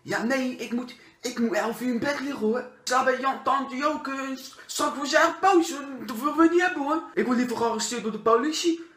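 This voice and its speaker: High, childish, eager burglar. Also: male voice, moderate pace, hardly any pauses, fairly bright tone. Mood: anxious. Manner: high-pitched, chirpy, repetitive. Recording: roomy echo of a bare room.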